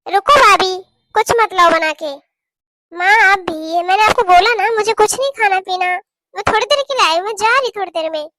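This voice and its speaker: A woman voices a caring young married daughter in a cartoon, speaking in an earnest, pleading way. Her voice is very high-pitched and sharp, at a moderate pace, with slight background noise.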